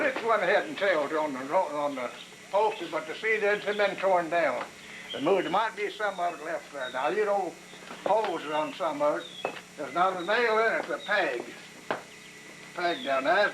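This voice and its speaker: An old man, casually reminiscing in a rambling, halting, folksy way on a noisy outdoor recording. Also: high voice. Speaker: grandfather recalling his childhood home. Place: outdoors at an old log house. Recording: noisy outdoor amateur camcorder sound.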